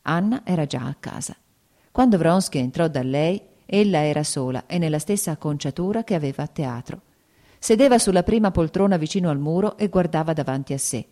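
A woman narrating an audiobook of a classic novel in a measured, even storytelling manner. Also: low-pitched.

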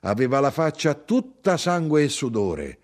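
A man reading aloud, voicing a feisty older mother who talks bluntly and with pride in a lively, animated way. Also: medium pitch, unhurried, voice pushed up. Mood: brisk, spirited. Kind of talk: audiobook reading.

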